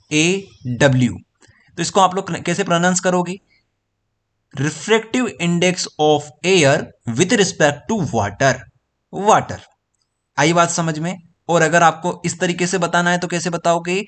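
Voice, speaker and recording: A man with a Hindi-speaking Indian accent lecturing on physics at a board. His voice sits a little high for a man. He goes slowly, repeats terms over and over and keeps checking that the class understands. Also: fairly bright tone. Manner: repetitive, explains each step slowly and checks understanding. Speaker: physics teacher.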